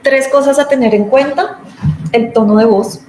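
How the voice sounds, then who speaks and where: A woman's voice: sits high, moderate pace, darkish tone, slight background noise. A woman gives an informal lecture on communicating with patients. She explains in an easy manner and acts out everyday examples. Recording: roomy echo, faint background ambience.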